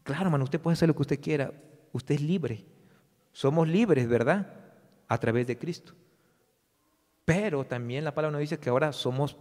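A man's voice: fairly high pitch, darkish tone, long reverb tail. A man preaching a sermon to his congregation, stressing his words and sometimes mocking the voices of his listeners. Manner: preaching with rising emphasis and mock voices. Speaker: pastor.

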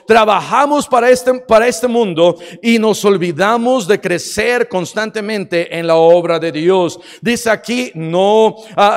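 High-voiced man preaching in an echoing hall. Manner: emphatic, repetitive preaching with frequent restarts. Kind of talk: sermon.

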